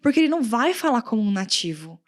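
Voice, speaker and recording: On a podcast, a guest English teacher from Brazil talks casually in a slightly high voice and at a fast clip, carrying a countryside Brazilian Portuguese accent. She is lively, laughs a lot, and performs the comments she quotes.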